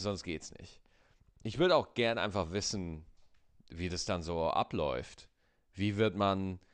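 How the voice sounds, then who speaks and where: A man ranting casually to his listeners, swearing and tagging his sentences with quick asides. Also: on the low side. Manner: crude, swearing, animated ranting with many "ne?" and "ja?" tags. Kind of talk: casual comedic rant.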